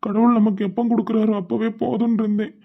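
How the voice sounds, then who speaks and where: A performer voicing a gentle young husband in a cartoon, with a Tirunelveli Tamil accent, asking anxious, quick questions. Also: medium pitch, flat delivery, vocal fry, phone-quality sound. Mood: overjoyed.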